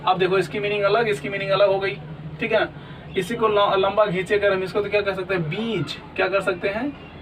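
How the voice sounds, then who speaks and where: A male English teacher with a high, level voice moves briskly through a classroom lesson, answering his own questions. He repeats "ठीक है ना?" often to confirm students are following. Background noise is audible, and the mic sits far away.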